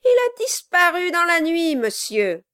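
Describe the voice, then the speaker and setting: A woman reading aloud, voicing a sly male dwarf villain who swings between mock courtesy and high-pitched cries. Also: big pitch swings, a little slow, fairly bright tone, heavily acted. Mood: smug. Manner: shifting high and low, falsely courteous. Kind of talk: audiobook reading.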